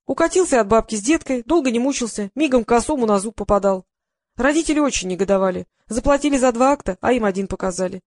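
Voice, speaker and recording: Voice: mid-range voice, expressive, fast, darkish tone, no room sound, studio quality, lightly acted. An audiobook reader voicing a gossipy woman who complains about her old provincial theater. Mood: grumbling. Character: chatty grumbling woman, former provincial actress.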